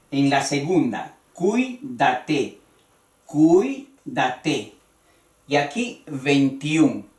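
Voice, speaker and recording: A man teaching a grammar lesson, slow and deliberate, repeating key words as he explains. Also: medium pitch, recorded from a distance. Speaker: Spanish teacher. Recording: roomy sound from away from the mic.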